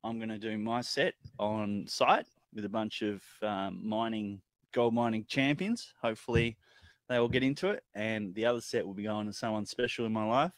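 A man's voice: fairly low pitch, normal speed, no echo. A man in his thirties with an Australian accent, chatting casually in a laid-back, blokey way on a livestream. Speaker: chilli challenge livestream guest. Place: indoors at home, on a video call.

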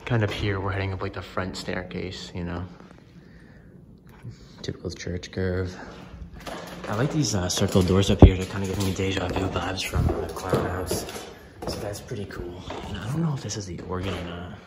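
Deep-voiced and steady, a young man films a casual walkthrough of a large abandoned church indoors with a handheld camera as he moves. The recording is very noisy, and this urban explorer vlogger talks at normal speed, relaxed and meandering, peppered with "um" and "you know."

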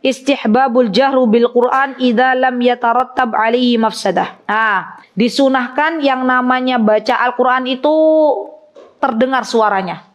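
A woman's voice: fairly high pitch, fairly even intonation, a little slow. Woman giving a chatty religious lecture. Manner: chatty, addresses listeners directly, recites Arabic phrases. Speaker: religious teacher. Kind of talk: Islamic study lecture to women.

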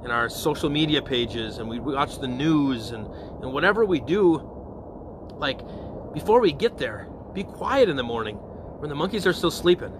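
Here the priest's voice sits on the high side and sounds animated, moving at a normal speed amid background noise. He leads an informal evening prayer reflection, often turning to listeners with "okay?" and "all right?"

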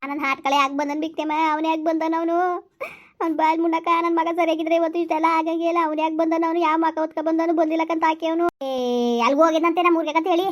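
A sorrowful village woman, played by a woman in a rural family drama, lamenting her loss and scolding and soothing her relatives in turn. Her voice sits high and the words tumble out quickly. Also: flat delivery.

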